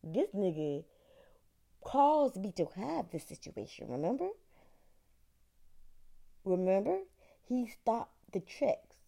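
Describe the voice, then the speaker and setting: Gravelly woman ranting bluntly. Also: medium pitch, big pitch swings, slow, long pauses, mellow. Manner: blunt, profane, venting with bursts of laughter. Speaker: podcast host ranting. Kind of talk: casual ranting monologue.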